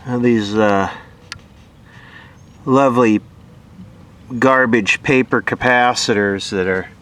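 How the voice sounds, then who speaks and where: Speaking slowly with fairly even intonation, a man with a medium-pitched, fairly bright voice hosts a vintage radio repair video. He casually thinks out loud over the old equipment, sardonically posing questions to himself.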